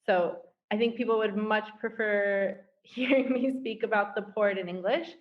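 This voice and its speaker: A woman's voice: mid-range voice, fairly even intonation, moderate pace, dull audio. A woman from the United States, chatty and upbeat, laughing easily as a guest in a casual video-call interview.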